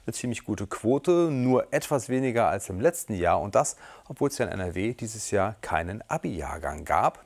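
Lively, low-voiced male news anchor. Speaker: news presenter. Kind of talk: studio news presenting.

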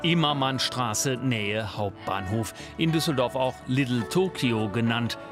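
Male news voice-over with music. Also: medium pitch. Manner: smooth, measured voice-over. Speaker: TV reporter. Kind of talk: scripted news narration.

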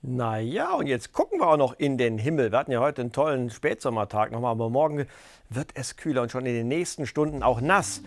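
A man's voice: medium pitch, very animated, fairly quick. A man presenting a regional TV magazine, linking stories in a chatty, upbeat way. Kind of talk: studio moderation.

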